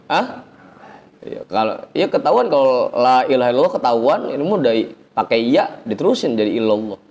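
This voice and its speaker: A man teaching an informal religious lesson, chanting Arabic phrases slowly, then explaining in a chatty, teasing way. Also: mid-range voice, big pitch swings, darkish tone, lo-fi sound, a little hiss or hum. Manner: chatty, teasing the audience, colloquial asides. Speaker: ustadz teaching a religious study circle.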